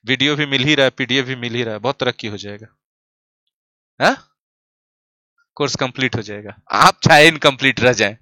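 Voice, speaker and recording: A man's voice: mid-range voice, brisk, pauses often, bright, forceful tone, no echo. A young man teaching grammar in an online class, teasing and quizzing his students. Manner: playful, teasing, asks the class questions. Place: classroom studio, standing at a desk.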